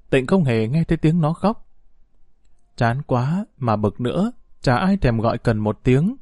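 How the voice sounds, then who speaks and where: Expressive male storyteller, mellow and dry. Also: medium pitch, no echo. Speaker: narrator. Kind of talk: audiobook story narration.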